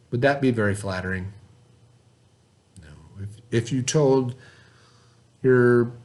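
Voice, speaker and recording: This is a children's read-aloud and lesson led by a male teacher whose voice is moderately high. He talks to his pupils informally and directly, asking them questions as he tells the story and reviews it, much like in a classroom.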